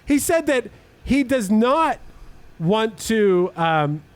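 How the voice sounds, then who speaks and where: High, lively man chatting on a podcast. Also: takes it slowly, dry recording. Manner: animated, laughing often, reads song lyrics aloud. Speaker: podcast host. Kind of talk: casual podcast chat.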